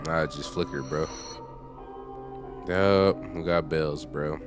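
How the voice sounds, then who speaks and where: A man giving casual, slangy gameplay commentary, reacting out loud in an animated way. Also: very deep voice, slow, music in the background. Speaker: gaming video creator.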